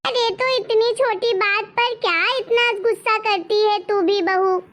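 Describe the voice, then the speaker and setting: A woman's voice: extremely high pitch, fairly even intonation, measured pace. A woman voicing a complaining older mother-in-law in a cartoon story. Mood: scolding. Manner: complaining, scolding.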